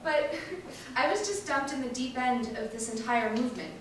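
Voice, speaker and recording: Performing an activist's first-person testimony, a woman reads a monologue dramatically, earnest and emphatic, with deliberate pauses; her voice sits high and sounds animated. It was captured from far off in a large indoor event space, so the hall echoes and there's faint noise.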